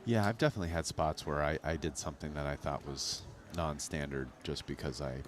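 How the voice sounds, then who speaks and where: A man with an extremely deep voice gives casual poker analysis. He talks conversationally, in loose, hedged phrases. There is clear background noise and ambience around him. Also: fairly quick. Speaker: professional poker player, guest commentator.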